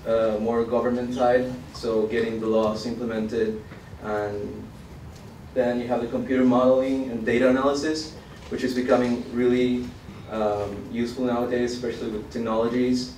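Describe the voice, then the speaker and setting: A young man from Argentina, a student giving a conference presentation, halting with many fillers. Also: medium pitch, darkish tone, a little hiss or hum. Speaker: student researcher. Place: college event hall. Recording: roomy hall, mic far off.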